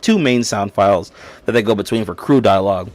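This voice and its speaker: With a lowish, darkish voice and a brisk pace, this man runs a casual livestream captured without any room sound. He meanders, stops and restarts often, leans on fillers, and reads his viewers' comments out loud.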